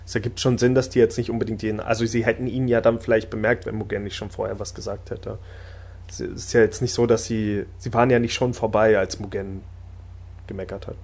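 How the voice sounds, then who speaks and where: A man chatting casually about an anime episode, talkative and laughing often, getting animated when enthusiastic. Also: lowish voice, a little fast. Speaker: podcast host discussing anime. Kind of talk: casual chat.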